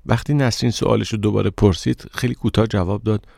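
Gravelly low-voiced male narrator. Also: fairly even intonation, a little mellow, no room sound, studio quality. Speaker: audiobook narrator. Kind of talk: scripted narration.

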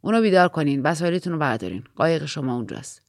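A gruff truck driver barks short, brusque orders in a low voice, as a woman reading a story plays him. The sound is gravelly, close and dry. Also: sing-song, no echo. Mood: curt. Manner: curt, brusque.

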